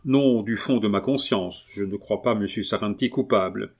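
A man reading a novel aloud, voicing an earnest, persuasive gentleman who speaks in a calm, measured way. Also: lowish voice. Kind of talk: audiobook reading.

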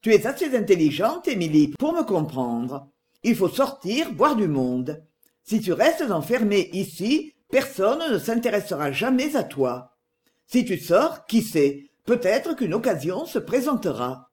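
A reader voicing a calm, enigmatic man who speaks softly and insinuatingly, in an audiobook. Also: high-pitched, measured pace. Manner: soft-spoken, calm, insinuating. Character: calm, enigmatic man, a gently scheming brother. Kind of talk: audiobook dialogue.

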